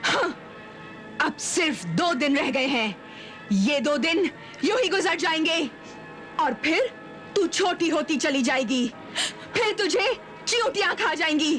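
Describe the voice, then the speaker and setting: A woman's voice: high-pitched, lively intonation, slow pace, fairly bright tone, soft background music, heavily acted. An actress voicing a cruel, jealous sorceress queen in a cartoon, taunting her victim with mocking laughter. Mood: gloating. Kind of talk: Hindi cartoon dub acting.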